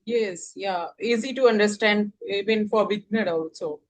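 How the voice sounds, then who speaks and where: Casting: Indian-accented woman, casual learner, halting speech full of fillers. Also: mid-range voice, low-quality recording. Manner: hesitant, many fillers and restarts. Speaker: English learner guest. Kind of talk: casual conversation practice.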